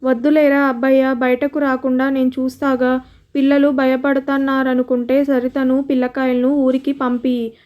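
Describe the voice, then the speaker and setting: A woman's voice: high voice, flat delivery, moderate pace, darkish tone, lightly acted. A woman voicing a stern, protective older village mother-in-law who scolds bluntly in a storybook reading. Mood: pleading.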